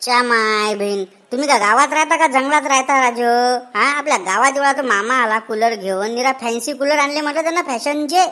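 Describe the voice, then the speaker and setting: A know-it-all cartoon villager who chides everyone around him, voiced by a woman. His voice is high and he talks in a Vidarbha Marathi accent. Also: fairly quick, sharp tone. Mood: scolding. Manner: scolding, chiding. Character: fussy village man Shantaram, know-it-all. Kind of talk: cartoon comedy voice acting.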